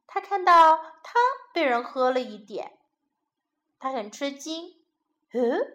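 A woman telling a children's story and teaching English, with a high, lively voice that swings widely in pitch. She speaks at an unhurried pace, in a clear, teacherly way meant for young children. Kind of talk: bilingual storytelling lesson for children.

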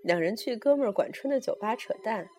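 A woman reading a story aloud in the first person, with a brisk and wry telling. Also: a little high, lively intonation, a little mellow, faint music behind.

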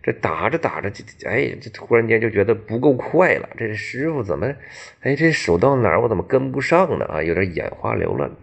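A man tells a tale in an animated oral storytelling style, full of exclamations and spoken sound effects. His voice is very low and gravelly, and his pitch moves lively up and down. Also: fairly quick.

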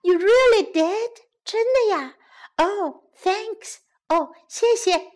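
A woman voicing a clever, wary young village girl in a storybook tale, with a high, bright voice. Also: takes it slowly.

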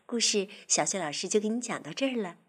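A woman telling a children's story, gently coaxing and talking directly to the little listener. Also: mid-range voice, animated, fast talker, slightly rough.

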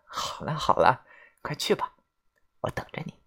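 A woman voicing a coy young woman who speaks softly and sweetly. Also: normal speed, lightly acted. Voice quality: soft, sugary, coy.

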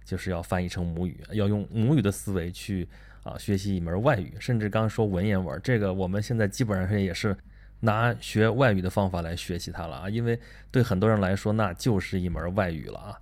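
A man hosting a casual talk, animated and chatty, asking himself rhetorical questions. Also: sits low, brisk. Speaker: podcast host. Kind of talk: casual monologue on learning and reading.

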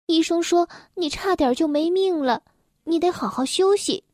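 A woman's voice: very high-pitched, normal speed, no room sound, studio quality, pitched above the performer's own voice. A woman voicing a timid little girl who speaks anxiously. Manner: anxious, soft.

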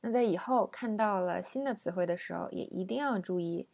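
Gravelly-voiced woman teaching pronunciation. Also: medium pitch, a little mellow. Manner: patient, explains with pauses and fillers. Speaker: English teacher. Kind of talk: explanatory language lesson.

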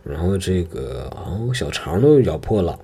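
A man's voice: deep voice, sing-song, normal speed, dark tone, breathy edge. A man casually telling a personal story, hesitant and rambling, with many filler words.

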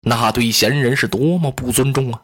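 A male storyteller voicing a courteous, gentle lord who speaks politely and calmly, in a Chinese oral storytelling style. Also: mid-range voice, normal speed, voice pushed down, lightly acted. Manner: polite, calm, soft-spoken.

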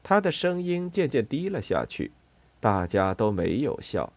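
A man reads a children's story aloud in a calm storytelling voice. His pitch rises and falls with lively shape, and the recording is dry and close to the mic. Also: a little slow, no echo. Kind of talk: storybook narration.

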